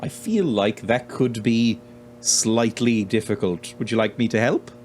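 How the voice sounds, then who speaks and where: A man's voice: medium pitch, a little slow, a little mellow, a little hiss or hum. A young man giving wry, sweary commentary while playing a game, reading its text aloud and laughing often. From Ireland. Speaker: let's-play host.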